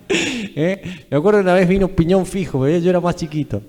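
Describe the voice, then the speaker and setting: A man's voice: sits high, racing, dark tone. A young man with an Argentine accent preaching emphatically at a live church service, often tagging his phrases with a questioning "eh". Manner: emphatic, repetitive, tags phrases with "¿eh?". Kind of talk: live sermon. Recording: reverberant church hall.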